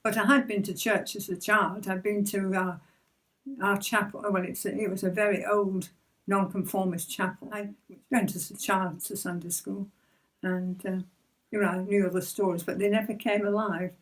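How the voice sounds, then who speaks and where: An older woman telling her personal faith story in a hesitant, gentle way, often repeating words and giving soft laughs. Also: medium pitch, level tone, moderate pace, recorded from a distance, poor audio. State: emotional near the end. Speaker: church member sharing testimony.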